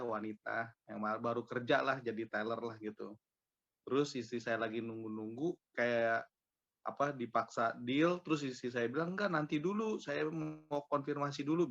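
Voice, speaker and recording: A man shares a personal testimony in a relaxed, chatty way, stacking up filler tags as he tells the story. His pitch sits in the middle of the male range. The recording sounds dull and lo-fi. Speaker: small-group member sharing a testimony.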